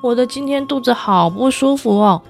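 A woman's voice: fairly high pitch, normal speed, vocal fry, soft background music. Sly little cat a lady narrator puts on, crafty and sweet-talking, storybook voice. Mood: pleading. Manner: wheedling, cunning.

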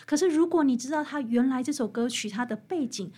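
Speaking as a guest author, this woman has a fairly high, slightly rough voice, a Taiwanese Mandarin accent, and a fairly quick pace. Her interview talk is explanatory and expressive, told like a story, with weight placed on key phrases.

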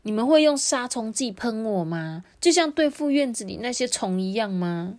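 A woman voicing a small boy turned into a beetle, speaking slowly and hesitantly in a read-aloud storybook. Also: a little high, expressive, darkish tone, voice pushed up.

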